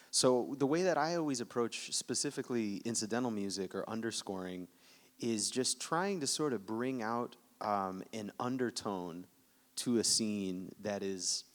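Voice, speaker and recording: Low, thoughtful composer on a panel. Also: male voice, animated, measured pace. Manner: thoughtful, searching, many ums. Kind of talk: panel conversation.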